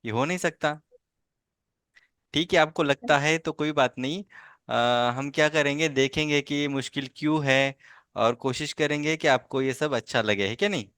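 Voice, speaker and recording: A man's voice: fairly high pitch, moderate pace, fairly bright tone, clear, resonant tone, no echo, clean studio sound. A man teaching a child over a video call, patient and coaxing, checking in often with little tag questions. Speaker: language teacher. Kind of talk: online tutoring lesson.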